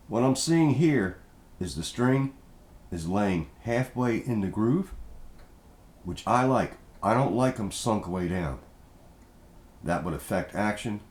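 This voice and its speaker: Middle-aged guy, low voice that bounces around a lot, folksy, walks you thru checking a guitar. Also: expressive, slow pace, pauses often, darkish tone. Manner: plainspoken, folksy, explains step by step. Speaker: guitar reviewer. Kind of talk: casual hands-on product walkthrough.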